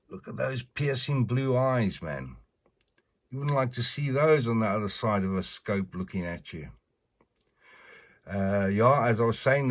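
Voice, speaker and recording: An older man with missing teeth and slightly slurred consonants, giving a casual, chatty, rambling show-and-tell as a collector. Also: on the low side. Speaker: figure collector presenting a review.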